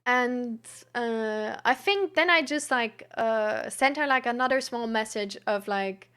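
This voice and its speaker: Young woman streamer, high voice, candid and rambling, lots of filler and restarts. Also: a little slow, fairly bright tone, smooth. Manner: rambling, frequent "like", restarts and nervous laughs. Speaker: streamer hosting a mental health talk. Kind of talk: candid personal storytelling.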